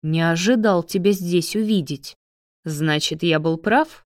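A woman's voice: lowish voice, unhurried, dry recording, clean studio sound, close to an everyday voice. Woman voicing a sneering cold man. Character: cold, mocking man facing his ex-lover.

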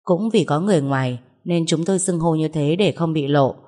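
A young woman with a low voice tells a first-person audio story in a steady, even manner. She sounds settled and unhurried. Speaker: narrator.

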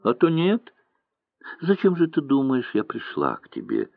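A man's voice: mid-range voice, huge pitch swings, a little slow, gravelly, no echo, voice pushed up, heavily acted. A male reader voicing a young woman who pleads and reproaches her lover through tears, in a dry, tinny audiobook recording. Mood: bitter. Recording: dry, tinny narrow-band sound.

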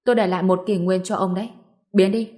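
A woman reading the part of a calm, cocky young male cultivator in a storybook, with a cool, mocking manner. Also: high-pitched, quick pace, lightly acted. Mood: cold.

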